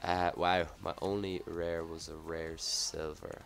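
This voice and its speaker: A man with a slightly husky, under-the-weather voice giving casual live commentary on a video game pack opening, reacting offhand to each reveal. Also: deep voice, flat delivery, slow pace, fairly bright tone. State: slightly sick, husky off voice from a cough. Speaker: gaming video host.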